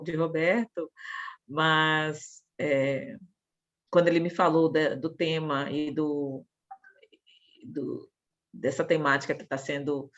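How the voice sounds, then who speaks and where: A woman from Salvador introducing herself on a video call, warm and quick to laugh. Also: low voice. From Salvador, Bahia, Brazil. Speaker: meeting participant. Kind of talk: online meeting self-introduction. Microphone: computer or headset on video call. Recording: dull lo-fi call audio.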